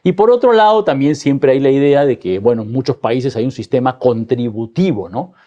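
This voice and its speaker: A man's voice: mid-range voice, expressive, normal speed, warm tone, highs cut off. A man, a guest in a political discussion, arguing emphatically and ending his points with tag questions.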